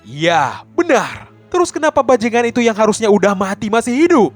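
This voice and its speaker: Man doing a ruthless stepmother, sharp, commanding, high-pitched, animated. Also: fairly quick, slightly rough, faint music behind, exaggerated voice. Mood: scheming. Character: scheming, ruthless rich stepmother.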